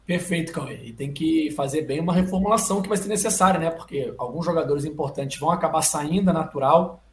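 A man's voice: fairly high pitch, brisk. Brazilian male podcast host, roomy echo. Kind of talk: casual football podcast hosting. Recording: roomy echo, faint background noise.

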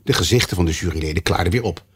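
Male audiobook narrator, low husky voice, expressive storybook delivery. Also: very fast. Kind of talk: storybook reading.

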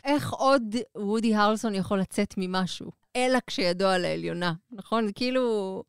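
A woman co-hosting a podcast, reviewing in casual chat, talking with many filler pauses. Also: medium pitch, clean tone, no room sound, studio quality. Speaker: podcast co-host, culture reviewer.

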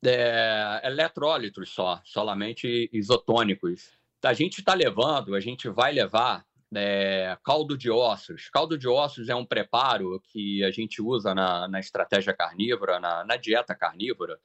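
A runner answers interview questions casually, stumbling and repeating words as he goes. The recording sounds dull and lo-fi, with muffled highs. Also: measured pace. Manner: relaxed, hesitant, repeats words. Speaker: ultramarathon runner.

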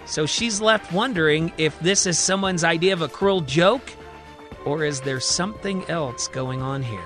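A man's voice: a little high, normal speed, over music. A man narrating his own audio drama in a conversational, recapping storyteller manner. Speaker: writer and narrator.

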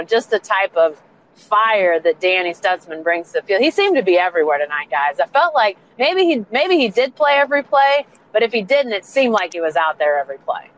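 A woman's voice: medium pitch, lively intonation, moderate pace, a little hiss or hum, rough recording. A woman talking through a football game in a chatty, repetitive, casual way on a postgame panel. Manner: chatty, repeats herself.

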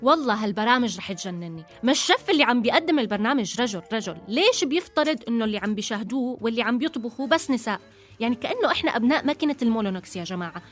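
A woman's voice: on the high side, expressive, racing, faint music behind. A woman with a Jordanian Levantine accent, a podcast co-host chatting casually in an opinionated, teasing, argumentative way. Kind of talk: casual conversational banter.

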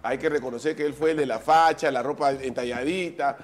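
A middle-aged Peruvian man with a Peruvian Spanish accent, hosting a casual chat in a lively, joking way and laughing often. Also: medium pitch, brisk, soft background music. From Peru. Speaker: podcast host.

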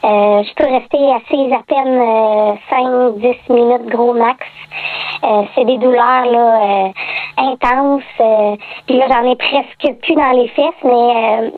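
A woman's voice: fairly high pitch, fairly even intonation, no room sound. Woman with an electronically disguised voice. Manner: hesitant, many pauses and fillers, serious. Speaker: anonymous radio guest. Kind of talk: telling a personal story on air. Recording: dry, phone-like line.

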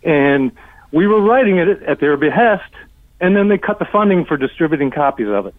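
Older man, radio show caller, blunt and exasperated, higher voice, tinny phone line, dry. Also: lively intonation, fairly quick, dry recording. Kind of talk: call-in comment on a talk show.

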